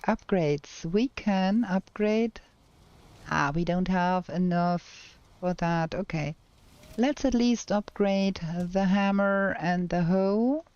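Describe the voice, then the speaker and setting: A woman with a German accent streams a game, thinking aloud and chatting with her viewers and herself in casual gameplay commentary. Her medium-pitched voice is a little mellow, and the recording is muffled with no room sound.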